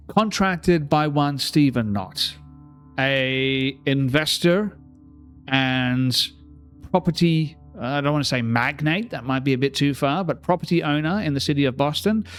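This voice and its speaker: Man in an average pitch range talks as game master, relaxed and unhurried. He lays out a horror scenario in casual chat, pausing often with filler words while he thinks. Faint music plays behind him. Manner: unhurried, lots of ums and uhs while recalling details.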